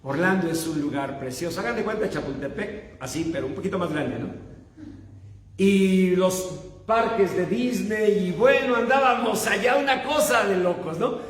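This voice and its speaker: Animated Mexican preacher in an echoey hall. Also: male voice, sits high, moderate pace. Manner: animated, self-mocking storyteller. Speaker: pastor. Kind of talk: humorous sermon storytelling. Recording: echoey hall with long reverb.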